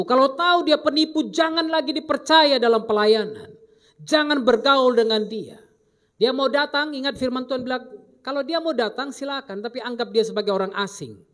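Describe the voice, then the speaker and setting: A man preaching a sermon as pastor, delivering emphatic commands and then dropping into low asides. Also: a bit bright.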